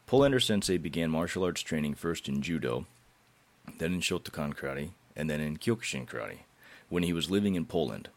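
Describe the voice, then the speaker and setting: A man with a cold and sore throat, sounding hoarse and gritty as he narrates a podcast introduction as host. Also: extremely low pitch, expressive, brisk.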